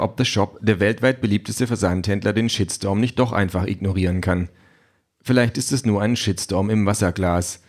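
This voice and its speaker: A man's voice: on the low side, darkish tone. A man narrating an audiobook with a dry, ironic delivery.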